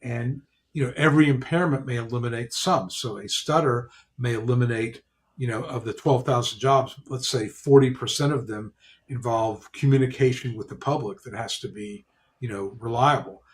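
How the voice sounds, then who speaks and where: Guy lawyer hosting, explaining stuff practically, lots of you-knows, mid pitch. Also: normal speed. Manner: explains in a practical way, many "you know" fillers. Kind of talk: explanatory casual discussion.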